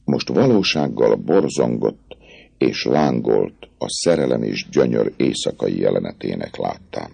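A man narrating a literary novel in a slow, dramatic storytelling manner. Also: rumbling low, animated, gravelly, dark tone, breathy edge. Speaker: audiobook narrator.

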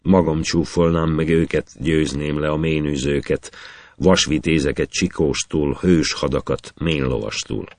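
A man's voice: very deep voice, fairly even intonation, dry recording. A man voicing a boastful young warrior hero, declaiming proud lines of verse in an old epic.

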